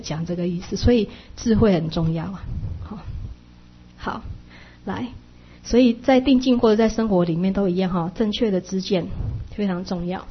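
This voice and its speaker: A woman giving an explanatory Buddhist dharma talk, chatty and full of soft sentence-ending particles. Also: medium pitch, dull audio, slight background noise.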